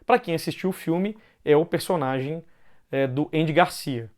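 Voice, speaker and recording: A man's voice: on the high side, a little mellow. A man with a Brazilian Portuguese accent, giving an informal explanatory talk and often ending phrases with a questioning "né". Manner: loosely paced with pauses and restarts.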